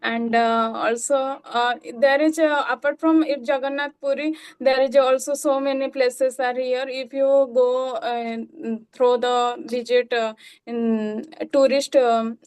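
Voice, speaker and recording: Indian lady on a video call, pretty high smooth voice, lots of uh and restarts. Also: darkish tone. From Odisha, India. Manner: hesitant, many fillers and restarts. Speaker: English learner. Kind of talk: conversation practice call.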